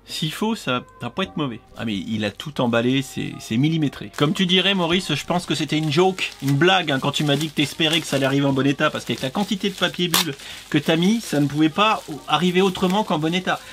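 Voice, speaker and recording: Chatty, higher-voiced French man. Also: fast, fairly bright tone, slight background noise. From France. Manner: chatty and teasing, with frequent stammered restarts and laughter. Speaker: YouTube creator opening fan mail. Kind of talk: casual unboxing chat.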